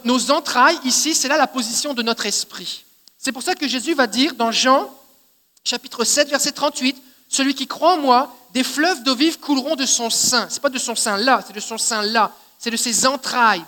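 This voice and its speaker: A man's voice: extremely high pitch, bright, forceful tone. A male pastor with a Québécois French accent preaching a sermon in a conversational teaching manner, often checking in with his listeners. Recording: long hall reverb.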